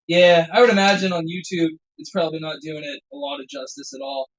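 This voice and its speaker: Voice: medium pitch, brisk, vocal fry. A streamer chatting casually and swearing while fiddling with settings, the volume jumping unevenly from auto gain on a dull, lo-fi mic. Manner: loose, swearing, thinking aloud. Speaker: streamer drumming on a livestream. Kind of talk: casual livestream chat.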